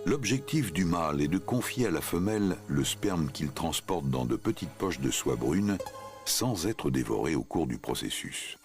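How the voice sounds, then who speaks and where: A man's voice: very deep voice, very animated, moderate pace, over music. A man reading scripted narration for a nature documentary.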